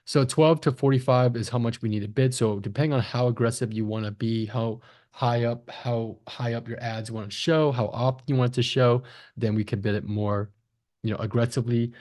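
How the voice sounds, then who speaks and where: Medium in pitch with a darkish tone, a man who runs an agency and teaches online marketing explains a screen-share tutorial one step at a time. He stays conversational and checks in often with short tags like "okay?" and "right?".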